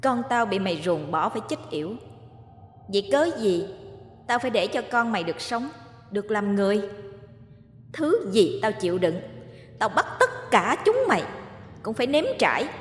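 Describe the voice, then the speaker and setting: A woman's voice: mid-range voice, sing-song, moderate pace, long pauses, echoey room, big-room sound, natural voice. Vengeful female ghost voiced by a woman, mocking, cackling, storybook reading. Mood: bitter. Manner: cackling, taunting.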